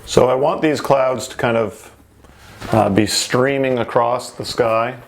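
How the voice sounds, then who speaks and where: A man's voice: medium pitch, steady tone, unhurried, creaky, a little hiss or hum. A man giving an informal painting lesson in the manner of a TV painting instructor, talking through each step as he works. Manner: informal, narrates each step while working.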